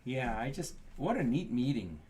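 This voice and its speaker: A man's voice: mid-range voice, big pitch swings, moderate pace, a little mellow. A man taking part in a casual Bible study, chatting and adding his own comments. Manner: chatty, interjects and adds comments. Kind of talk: casual discussion.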